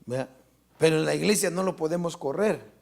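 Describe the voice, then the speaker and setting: A man's voice: on the high side, a little fast, creaky. A man preaching a fervent sermon as pastor at a live church service, often asking the congregation rhetorical questions.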